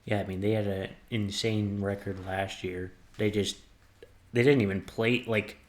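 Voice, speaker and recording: A man co-hosting a casual sports podcast, relaxed and agreeable, reeling off player stats. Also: fairly low pitch, a little slow. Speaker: podcast co-host.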